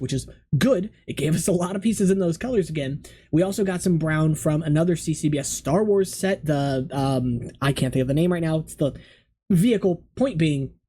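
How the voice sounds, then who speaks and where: Guy in his 30s rambling casually about his hobby, kinda high but soft mellow voice, some room noise behind him. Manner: rambling, conversational. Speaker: hobby video host. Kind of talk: casual unscripted commentary. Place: small indoor hobby room.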